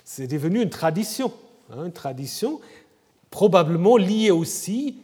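Male lecturer, slightly high, mellow voice, conversational, recorded in a long-reverb hall. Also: sing-song, measured pace, husky. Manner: conversational, frequent "hein?" tag questions. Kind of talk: academic lecture.

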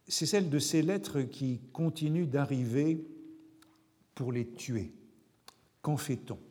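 A man lectures at a slow, measured pace, his voice mellow and soft-edged. He pauses often and fills gaps with small hesitations as he reads passages aloud. His voice carries a long reverb, as if he is in a large hall. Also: medium pitch. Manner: deliberate, pausing with hesitations. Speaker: lecturer on literature.

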